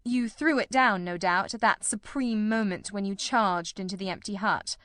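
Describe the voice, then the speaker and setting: A woman's voice: medium pitch, normal speed, a bit bright, no room sound, studio quality, natural voice. A woman voicing a keen, composed male detective in an audiobook, with a cold, incisive, precise and wryly ironical delivery. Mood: dry, deductive. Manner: ironical, precise, politely teasing. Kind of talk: audiobook character dialogue.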